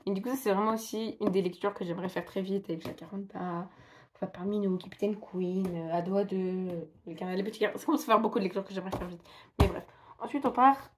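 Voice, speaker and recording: A woman's voice: medium pitch, fairly even intonation, fast, a little hiss or hum. A young woman in casual vlog chat, rambling and self-mocking with lots of fillers. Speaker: book vlogger.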